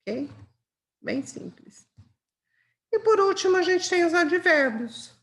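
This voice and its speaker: A woman's voice: very high voice, lively intonation, takes it slowly. A woman with a Brazilian Portuguese accent teaching grammar for an exam, patiently explaining with examples and checking in with her students. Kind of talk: exam-prep grammar lesson.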